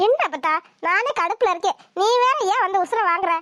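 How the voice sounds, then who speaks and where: Woman doing a cartoon young village woman, very high voice, stubborn and protesting, dry sound. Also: animated, fairly quick, fairly bright tone, dry recording. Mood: irritated. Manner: protesting, pleading, irritated.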